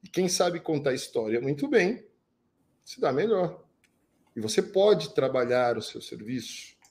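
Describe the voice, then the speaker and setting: A male public speaking coach giving advice in an energetic, emphatic way, often swinging his loudness and pace. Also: mid-range voice, a little slow. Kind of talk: instructive podcast talk.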